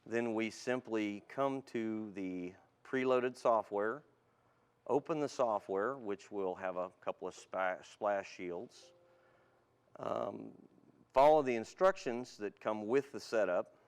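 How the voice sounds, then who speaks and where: Taking it slowly, a man with a smooth, fairly low voice speaks as a guest car tuning specialist. He gives a plain, polite, matter-of-fact product explanation in an interview.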